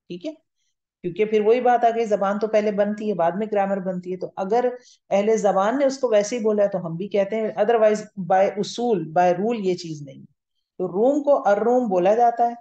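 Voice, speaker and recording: A woman's voice: mid-range voice, dark tone. Woman teacher doing a patient step by step grammar class, echoey room, kinda muffled sound. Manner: patient, explains step by step, often checks understanding. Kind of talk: classroom lecture. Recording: roomy, slightly muffled lo-fi recording.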